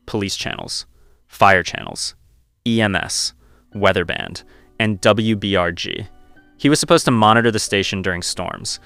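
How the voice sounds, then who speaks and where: A man narrating a scripted horror story in a slow, grave, measured way. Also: fairly low pitch, fairly bright tone, smooth, dry recording.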